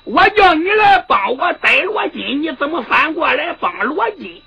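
A woman's voice: high-pitched, lively intonation, measured pace, vocal fry, pushed and bright, voice pushed up, exaggerated voice. A woman storyteller voicing a furious old enemy marshal who roars and scolds. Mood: raging. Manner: roaring, raging scolding.

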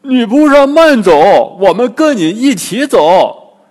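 A man voicing a greedy, hungry pig-monk in a storybook tale, loud, high and blustering. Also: big pitch swings, unhurried, big-room sound. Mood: eager.

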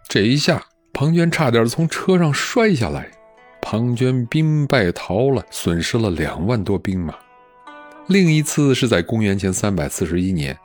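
A man narrating a historical story in an expressive, conversational storytelling manner. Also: medium pitch, breathy edge. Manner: expressive, conversational with drawn-out particles.

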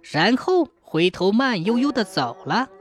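A woman reads a ghost story in a measured, suspenseful way. Her pitch moves a lot and stays mid-range. Faint music plays beneath her. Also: big pitch swings. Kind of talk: scripted ghost story narration.

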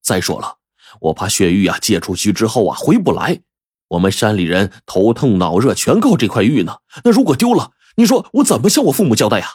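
A storyteller voicing a stubborn young mountain hunter who speaks bluntly and heatedly. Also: male voice, sits low, big pitch swings, moderate pace, husky, dry recording, studio quality, exaggerated voice. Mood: indignant.

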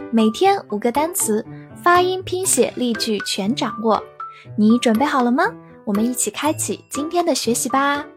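Slow, dry-voiced woman teaching English words. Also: a little high, no echo. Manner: spells words letter by letter and reads sentences slowly. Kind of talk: scripted vocabulary lesson.

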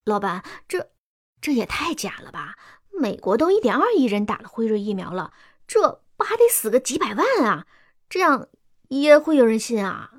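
In a radio drama, a woman plays a timid, earnest, educated employee who speaks up with hesitant deference, meekly objecting. Her voice is a little high with big swings in pitch, delivered at a moderate pace, and the recording is dry and studio-clean.

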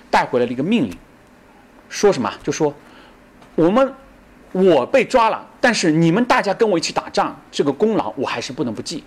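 Lively husky man telling history. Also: high-pitched. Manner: animated, acts out quoted speech, many fillers like "对吧". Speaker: lecturer on ancient history. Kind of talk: lively storytelling lecture.

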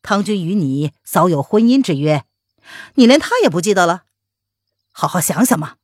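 A woman voicing a smooth, scheming young man who laughs and coaxes in a wheedling tone. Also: on the low side, big pitch swings, normal speed, a little mellow, no room sound, studio quality. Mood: coaxing. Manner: chuckling, wheedling, sighing.

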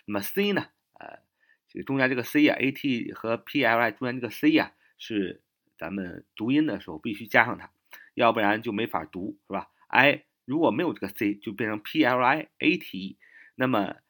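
A man's voice: mid-range voice, fairly bright tone. A man teaching English vocabulary, repeating each word and spelling it out letter by letter, with frequent filler particles. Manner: shifts to English and sounds out words slowly. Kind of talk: spoken vocabulary lesson.

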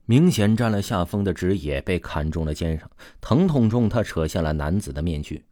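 A man narrating a suspense story aloud in a lively storytelling way. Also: sits low, no room sound, studio quality. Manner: lively storytelling, drawn-out particles.

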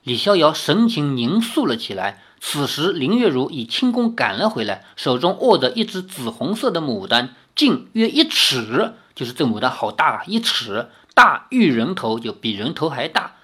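A woman reading a novel aloud, pausing for casual explanatory comments. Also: sits low, big pitch swings, fairly bright tone, husky. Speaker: reader.

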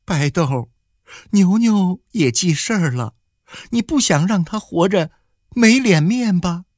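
In an audiobook, a man performs a desperate village woman, raising his pitch above his natural voice into a slightly high, sing-song delivery. She pleads tearfully and insistently at a somewhat slow pace. The sound is clean studio audio with no room sound.

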